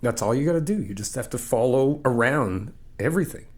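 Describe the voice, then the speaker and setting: In this ASMR friend roleplay, a man with a mid-range voice talks fairly quickly to the listener. He's playful and encouraging, laughs often, and still lays out his explanations calmly and step by step.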